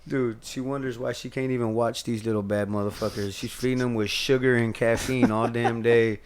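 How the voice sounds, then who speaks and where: A man's voice: medium pitch, steady tone, moderate pace, slight background noise. A man hosting a casual podcast chat, joking, swearing and laughing a lot. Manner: laughs often, profane, jokey. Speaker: podcast host.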